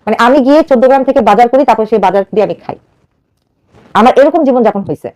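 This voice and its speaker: Rapid, high-voiced woman telling her story. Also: darkish tone. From Bangladesh. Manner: rapid, earnest, acts out quoted dialogue. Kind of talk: emotional personal storytelling.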